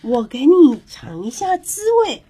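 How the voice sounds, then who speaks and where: A sly, boastful hare trickster, as a woman puts him on for a children's storybook, bright and high with a lively bounce in the voice. He teases and fakes his pleas, drawn out slowly and breathily. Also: breathy edge, heavily acted. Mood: teasing. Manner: playful, teasing, then mock-pleading.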